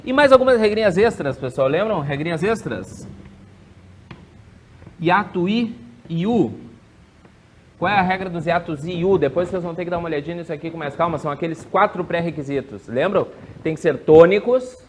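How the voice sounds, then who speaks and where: Brisk grammar teacher. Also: male voice, a little high, slight background noise. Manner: drills rules with quick yes-no questions; draws out key words slowly. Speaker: exam prep teacher. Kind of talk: classroom grammar lesson.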